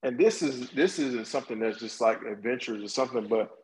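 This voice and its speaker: A man with a mid-pitched voice talks casually among friends. His delivery is halting and hesitant as he feels his way through what he wants to say. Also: a little hiss or hum, poor audio.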